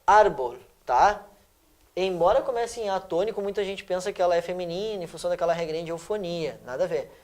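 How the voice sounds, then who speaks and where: A man's voice: high-pitched, fairly quick. A male teacher from Brazil, walking students through exam questions in a lesson and checking in with them often. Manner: lively, checks in with "tá?" and "perfeito?".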